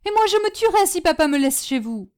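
A woman doing a shrill, terrified young girl. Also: very animated, fairly quick, darkish tone. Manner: shrill, crying out. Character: frightened, desperate young girl.

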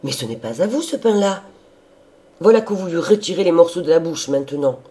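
A man voicing a gruff, bossy old female servant with a loud, scolding manner. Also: mid-range voice, normal speed, natural voice.

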